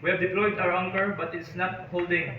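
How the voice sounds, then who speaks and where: A man's voice: high-pitched, flat delivery, brisk, background noise, natural voice. A man playing a ship captain who makes formal marine radio calls, repeating call signs and signing off with "over.". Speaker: ship captain in a role-play. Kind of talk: amateur maritime emergency role-play. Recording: echoey room from far off, dull sound, crowd behind.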